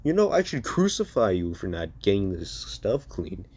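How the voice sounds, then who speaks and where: A man's voice: on the low side, sing-song, normal speed, breathy edge, full character voice. A man voicing a teenage boy hero who is a menacing clean freak, scolding someone for missing a spot. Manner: scolding, sharp-tongued.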